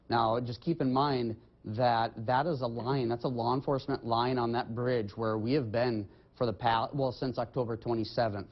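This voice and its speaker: A man, a highway patrol lieutenant, answering questions in a measured, official way in a TV interview. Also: highs cut off. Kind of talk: remote TV interview.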